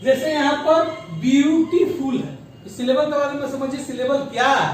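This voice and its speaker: A high-voiced male teacher gives a grammar lesson and breaks words slowly into syllables. He is recorded from a distance in a very echoey classroom, with faint room noise underneath. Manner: mixes English terms into Hindi. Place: school classroom.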